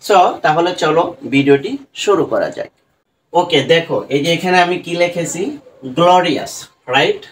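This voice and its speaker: A man teaching English pronunciation to students, explaining rules slowly and repeating sounds syllable by syllable. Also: on the high side, fairly bright tone, distant mic, slight background noise, poor audio. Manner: slow and repetitive, breaking words into syllables.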